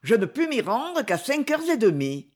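A reader voicing an accused woman giving measured testimony in a soft voice. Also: fairly high pitch, sing-song. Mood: confessing. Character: accused foreign woman, composed then soft-spoken.

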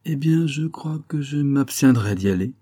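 A man voicing a quiet, troubled woman. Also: mid-range voice, lively intonation, moderate pace, voice pushed up, natural voice. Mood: composed. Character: reserved, troubled, gentle woman.

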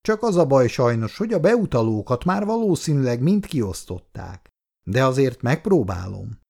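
A man's voice: medium pitch, big pitch swings, gravelly, darkish tone, voice pushed up. A man voicing an impatient young husband who speaks brusquely. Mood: calm. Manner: brusque, questioning.

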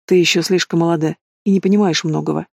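Possessive mobster read by a man, low mocking commands, audiobook, dry recording. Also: steady tone, quick pace, gravelly, darkish tone, no echo. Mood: menacing.

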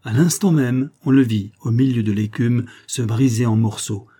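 A man reading a classic novel aloud as scripted narration in a steady, dramatic manner. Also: mid-range voice, normal speed, breathy edge. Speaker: audiobook reader.

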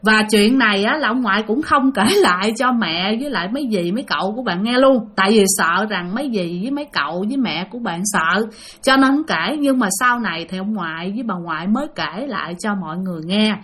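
A woman's voice: medium pitch, expressive, fairly quick, a bit bright, breathy edge. A woman telling a ghost story in a chatty way and speaking directly to her listeners. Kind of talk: spoken ghost-story narration.

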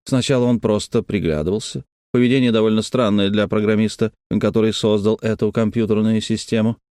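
A man narrating a novel as an audiobook, reading in a steady, even way. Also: fairly low pitch, fairly quick, no echo, clean studio sound. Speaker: audiobook reader. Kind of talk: scripted narration.

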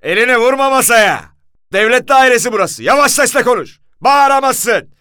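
A man's voice: medium pitch, lively intonation, a little fast, smooth, no echo, clean studio sound, natural voice. A man doing a barking police commissioner. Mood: shouting angrily. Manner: barking orders, shouting. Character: stern loud male police commissioner, older, authoritative.

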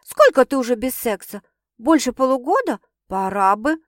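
Woman reading as a young sister, high voice, sarcastic, bossy, teasing, dry sound. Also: very animated, normal speed, no echo. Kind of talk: audiobook character voice.

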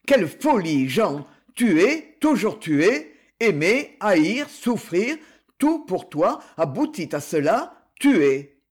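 A man's voice: high-pitched, sing-song, a little slow, breathy edge, exaggerated voice. A man reading the part of a loyal male friend who pleads fervently and reproachfully. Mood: pleading.

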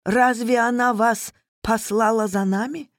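Brief: reader putting on a higher, shaky, pleading husband, slow and dry. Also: fairly even intonation, dry recording, lightly acted. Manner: trembling, pleading. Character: frightened, pitiful runaway husband.

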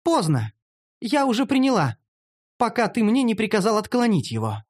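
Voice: medium pitch, very animated, normal speed, pitched above the performer's own voice. A narrator voicing a bold, mocking young female elf in an audiobook, talking brashly and teasingly. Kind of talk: audiobook character voice.

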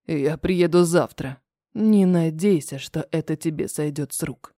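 A woman's voice: low-pitched, a little slow, mellow, no echo, clean studio sound, voice pushed down. A woman voicing a furious young father who threatens through clenched teeth in an audiobook story. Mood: menacing.

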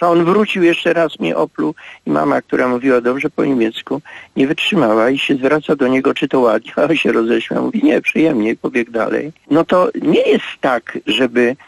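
A priest in his eighties giving a radio interview, speaking slowly and reflectively with halting pauses. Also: medium pitch, gravelly, no room sound, low-quality recording. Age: 80s. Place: radio studio.

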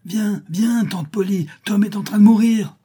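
A man reading a storybook, voicing a young boy who calls out in alarm with shrill urgency. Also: unhurried, warm tone, slightly rough.

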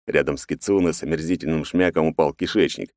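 Deep-voiced male audiobook narrator. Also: fairly even intonation, quick pace, darkish tone, no room sound, studio quality.

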